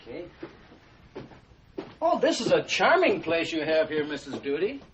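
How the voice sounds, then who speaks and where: High-pitched, ingratiating American man. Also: big pitch swings, a little slow. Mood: affable, ingratiating. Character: smooth-talking, polite lodger with ingratiating charm. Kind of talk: film drama acting. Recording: dull film sound, clear background noise.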